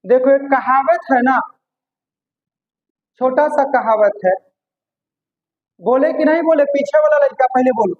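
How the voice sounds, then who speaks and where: Man, Bihari accent, high-pitched, classroom teacher, call-and-response lecture, muffled recording. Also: unhurried, pauses often. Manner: repeats each point as a question, coaxing and teasing students.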